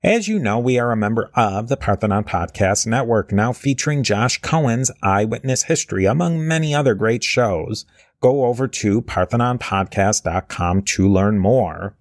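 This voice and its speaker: A podcast host with a lowish, expressive voice reads out thanks to supporters of his history podcast, then settles into an earnest, casual conversation with a guest. He talks at normal speed with fillers and restarts. The studio sound is clean, with no echo.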